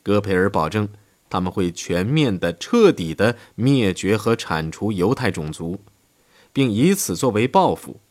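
Low-voiced male narrator, lively pitch. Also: unhurried. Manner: steady reading with lively rises for quotes. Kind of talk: scripted audiobook narration.

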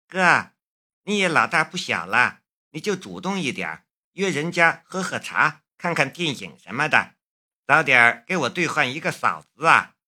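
A man's voice: on the high side, sing-song, unhurried, bright, forceful tone, exaggerated voice. A man voicing a playful, teasing young woman, the hero's little sister, in an audiobook. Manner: bubbly, teasing.

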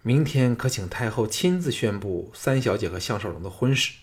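Sly, self-assured plotter in an audiobook, low and hushed, read by a male narrator. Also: normal speed, close to an everyday voice. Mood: confident. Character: cunning, confident male strategist advisor. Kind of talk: audiobook character reading.

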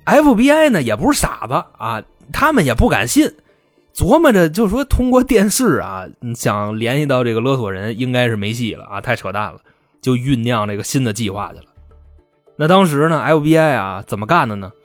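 Podcast host, male, casual storyteller who acts out the people in the story, animated delivery, faint music underneath. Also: mid-range voice, fairly quick, dry recording. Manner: colloquial, salty, acts out the quoted people. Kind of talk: casual true-crime storytelling.

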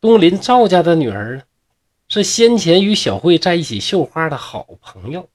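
A male storyteller with a Northeastern Mandarin accent, narrating an old ghost tale in a chatty, humorous way. His pitch swings widely and he stretches out his fillers. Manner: lively, chatty, drawn-out fillers.

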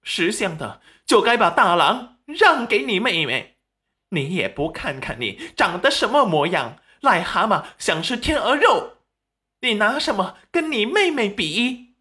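A man voicing a shrill, abusive middle-aged mother who screeches insults at her daughter. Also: very animated, measured pace, sharp tone, heavily acted. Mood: furious.

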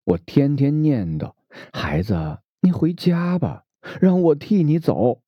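A man voicing a weary, heartbroken middle-aged woman who pleads and drops into breathy whispers, recorded dull and lo-fi. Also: a little high, very animated, takes it slowly, no room sound, pitched above the performer's own voice, full character voice. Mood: sad pleading. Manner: pleading, breaks into unvoiced whispers.

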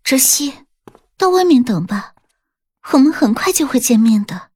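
A man narrator voicing a gentle young woman in whispered role-play, soft and comforting. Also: very high-pitched, sing-song, moderate pace, breathy edge, no room sound, studio quality, pitched above the performer's own voice, exaggerated voice. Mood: tender.

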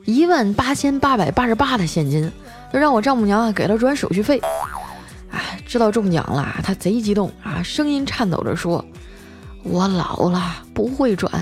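A woman's voice: mid-range voice, pitched above the performer's own voice, natural voice. A woman telling it as a wry henpecked husband. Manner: sighing, storytelling tone. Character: boastful married man, wry and rueful.

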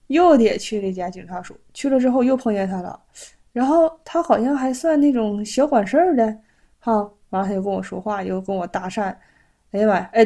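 A woman from China, telling a personal story vlog-style, animated and reenacting conversations with lots of exclamations. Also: medium pitch. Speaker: vlogger. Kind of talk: casual storytelling.

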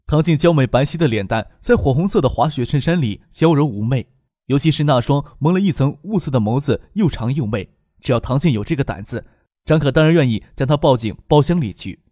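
Expressive male audiobook narrator, dry sound. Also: medium pitch, no room sound. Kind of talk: scripted novel narration.

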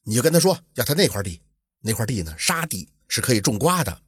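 A man voicing a shrewd, upright village man in a folk tale, speaking calmly and reasoning things through in a low, husky voice. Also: quick pace, dry recording, clean studio sound. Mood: advising.

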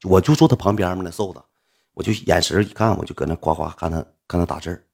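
A young man with a Northeastern Mandarin accent telling a casual, animated story and acting out the people in it. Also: low voice, quick pace, vocal fry, breathy edge.

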